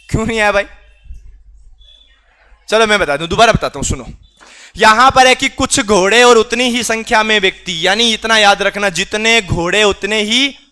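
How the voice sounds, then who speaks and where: High, bright-voiced man teaching a class. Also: clean tone. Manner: teasing, scolds students for not answering. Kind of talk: classroom lecture.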